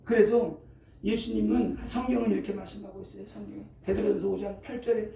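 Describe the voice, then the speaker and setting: A man's voice: high-pitched, level tone, quick pace, vocal fry, warm tone, a little hiss or hum. A middle-aged male pastor preaching a sermon, constantly prompting the congregation with "eh?" and "right?". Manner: frequent rhetorical "어?" and "예?" prompts to the congregation. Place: church sanctuary. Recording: echoey room, mic at a distance, faint ambience.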